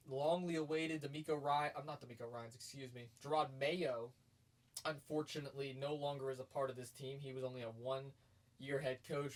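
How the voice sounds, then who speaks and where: A man co-hosting a sports podcast, chatting casually and getting emphatic and hyped as he argues his points. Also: mid-range voice. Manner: energetic and emphatic, gets loud and hyped.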